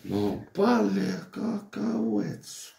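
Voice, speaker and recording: A father rambles casually to his daughter in a gravelly, lively voice that is also high and delivered very slowly, with reverberation in the recording. He talks in slang, repeats words, and mixes in Arabic phrases.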